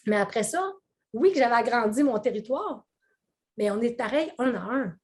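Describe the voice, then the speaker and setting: Lively Québécois woman coach. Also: fairly high pitch, moderate pace. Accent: Québécois French. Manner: animated, laughing storyteller with many fillers. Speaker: weight-loss coach, guest. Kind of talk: casual interview chat.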